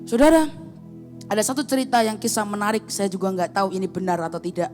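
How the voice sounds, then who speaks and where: A woman's voice: quick pace, faint music behind. A woman evangelist, preaching a sermon as a story and acting out its characters. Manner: animated, acts out characters with big pitch jumps.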